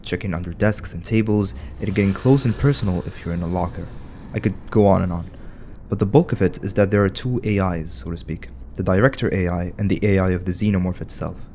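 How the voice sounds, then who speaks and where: Low-voiced man narrating wryly. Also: fairly quick, dark tone, slight background noise. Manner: wry, conversational commentary. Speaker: video essay narrator. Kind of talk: scripted narration.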